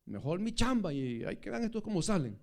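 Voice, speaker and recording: A man voicing Pilate, a worried male Roman governor, grumbling self-serving asides in a lowered voice during a sermon. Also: very animated, fairly quick, gravelly, heavily acted. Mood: anxious, resigned.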